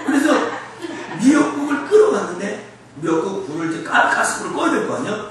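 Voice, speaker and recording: Lively Korean pastor in an echoey hall. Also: male voice, sits high, a little fast, far from the mic. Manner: lively, humorous storytelling with call-and-response to the congregation. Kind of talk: sermon. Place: church sanctuary. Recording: echoey church hall, mic from afar, faint noise.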